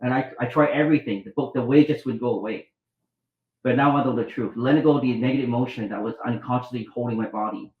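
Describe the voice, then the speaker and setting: A fast-talking middle-aged man from Vietnam, mid-range in pitch, shares his life story as a guest; he is a doctor and author. He rambles, starts over repeatedly, and voices the dialogue he quotes. The audio is narrow and tinny, recorded in an echoey room.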